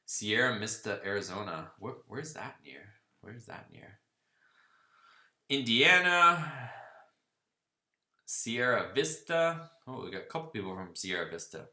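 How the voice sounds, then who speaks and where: A man's voice: low voice, brisk, hardly any pauses, sharp tone, echoey room. A man hosting a casual livestream Q&A, reading viewer comments aloud and chatting back loosely. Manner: laid-back, reads viewer comments aloud and riffs on them. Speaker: host of a car channel livestream. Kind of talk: casual live Q&A reading chat.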